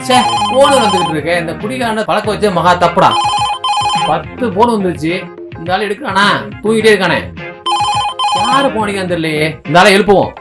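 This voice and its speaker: A man's voice: high-pitched, lively intonation, fairly quick, pauses often. An actor in a short film playing a young male driver who mutters complaints about his drunk boss and coaxes him along. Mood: grumbling. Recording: film audio with music behind.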